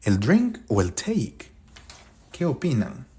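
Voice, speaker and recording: A man's voice: mid-range voice, wildly swooping pitch, takes it slowly, warm tone, husky. A man teaching English grammar in a live-streamed lesson, constantly asking viewers questions and repeating their answers back.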